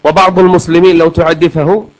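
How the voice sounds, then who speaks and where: A man preaching a sermon in an earnest tone, stretching recited verses out slowly. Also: a little high, little pitch movement, low-quality recording.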